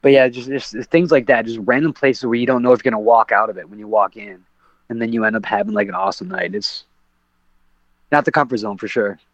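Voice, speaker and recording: A professional MMA fighter with a lowish, steady voice speaks a little fast as a guest on a podcast. He tells his story casually, rambling with fillers and restarts, and the dull lo-fi recording has a dry sound with no room noise.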